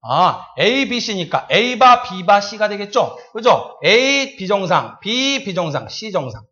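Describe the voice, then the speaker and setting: Lively, high-voiced man teaching a class. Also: muffled recording. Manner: talks to the class with frequent check-ins and drawn-out step-by-step recitation. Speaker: lecturer. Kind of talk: recorded exam-prep lecture.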